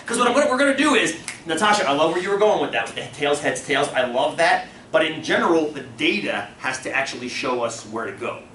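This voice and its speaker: A man's voice: a little high, sing-song, fast talker, hardly any pauses, pushed and bright, a little hiss or hum. A man teaching a classroom, playful, laughing easily and counting results aloud. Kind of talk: classroom lecture. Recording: echoey classroom, mic at a distance.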